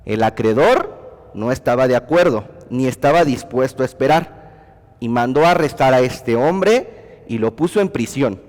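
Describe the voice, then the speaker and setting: A man's voice: medium pitch, expressive, moderate pace, darkish tone, long reverb tail. A man preaching a sermon as pastor, telling a story and acting out the dialogue in quoted voices.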